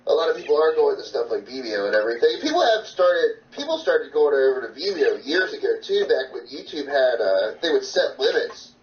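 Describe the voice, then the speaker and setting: Man, stuffy congested nose, sick, higher-pitched, lively intonation, rambling casual chat. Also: a little fast, hardly any pauses, distant mic. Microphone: voice call, distant-sounding. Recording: muffled, echoey, noisy internet call.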